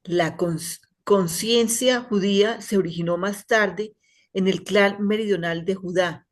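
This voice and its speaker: A woman reading a passage aloud to a study group over a video call, steady with small slips she corrects. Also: mid-range voice, measured pace.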